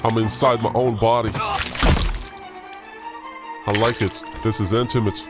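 A young man gamer talking through a voice changer that lowers his pitch, taunting other players while playing as the killer. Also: little pitch movement, a little slow, loud music behind the voice. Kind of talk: live gameplay commentary.

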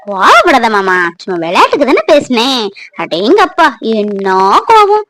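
A woman playing a lively, playful village girl. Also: sits high, normal speed. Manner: playful and chatty, lively intonation. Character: young village girl, playful but wary of family. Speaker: actor in a family fan drama. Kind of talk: village romance drama acting.

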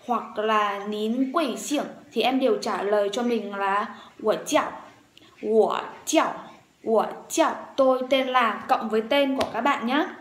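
A woman teaching a language lesson, saying words slowly and repeating them several times for learners to copy. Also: a little high, roomy sound. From Vietnam.

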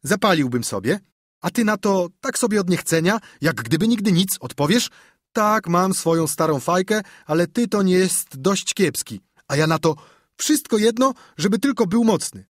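A man's voice: high voice, lively intonation, moderate pace, no echo, clean studio sound, voice pushed up. A man voicing a cocky young boy who scoffs and plans to show off in an audiobook. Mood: swaggering. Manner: swaggering, scornful.

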